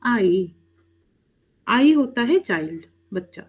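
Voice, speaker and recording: On lo-fi audio, a woman with a slightly high, darkish voice speaks at a moderate pace. She teaches Korean online, using some English words and checking with students throughout. She calls them "beta" and often asks "theek hai?"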